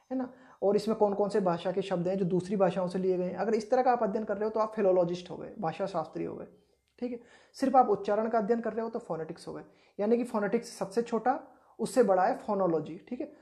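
Mellow-voiced woman teaching patiently. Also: medium pitch. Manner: patient, repeats points with tag questions; reads English definitions slowly and deliberately. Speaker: exam prep teacher. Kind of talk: explaining lesson.

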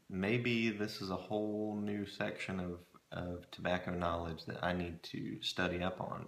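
A middle-aged man chatting casually to camera in a musing, hesitant way, often pausing mid-thought, recorded in a small room at home. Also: deep voice, fairly bright tone. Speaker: pipe-smoking hobbyist reviewing tobacco blends. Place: small home storage room with shelves, indoors. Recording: roomy echo from camera mic.

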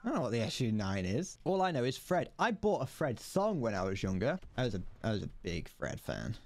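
A man's voice: medium pitch, huge pitch swings, brisk. A young man from the UK who streams games and makes casual, rambling, profane jokes as he plays. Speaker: gaming streamer. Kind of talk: casual commentary while gaming.

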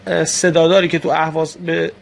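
High-voiced, gravelly man teaching a language. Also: level tone. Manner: patient, explains step by step with frequent hesitations. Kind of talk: explanatory language lesson.

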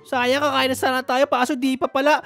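A woman's voice: high-pitched, little pitch movement, a little fast, fairly bright tone. A woman giving playful gaming commentary, joking and giggling as she talks to the characters on screen. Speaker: gaming YouTuber.

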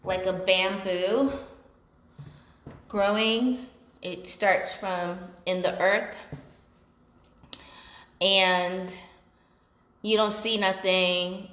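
A solo entrepreneur and vlogger in her thirties chats casually to camera while busy with chores, unhurried and pausing between short phrases. Her voice is lowish with a fairly bright tone. A phone propped at about arm's length or more records her in a large, echoey, basement-like indoor room with exposed pipes.

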